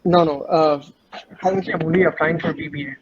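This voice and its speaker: A young man from Switzerland answering interview questions over a video call. His voice sits a little high and comes through dull and lo-fi. He speaks in polished, rehearsed sentences but stumbles when quizzed. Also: steady tone, a little fast, crowd noise. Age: young adult. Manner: polished, rehearsed self-introduction, hesitant on questions. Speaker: admission candidate. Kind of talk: online group interview. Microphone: computer microphone on a video call.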